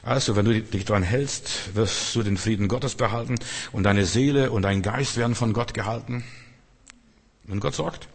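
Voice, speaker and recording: Male preacher, low husky voice, earnest sermon, long hall reverb. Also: moderate pace. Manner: earnest, acts out quotes, drops to soft tones.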